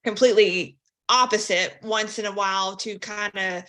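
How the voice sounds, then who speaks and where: A woman's voice: mid-range voice, fairly even intonation, normal speed, pushed and bright. A woman hosting a casual interview podcast, encouraging and thinking aloud as she repeats her phrases. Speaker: podcast host.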